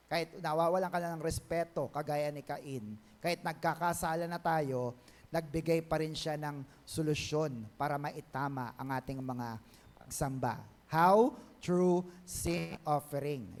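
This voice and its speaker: A male pastor with a Filipino accent, preaching a Bible-teaching sermon and mixing Tagalog with English. He often asks the church for an amen and draws key phrases out slowly. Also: on the high side, a little mellow. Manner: mixes Tagalog and English, calls for amens, stretches key words slowly.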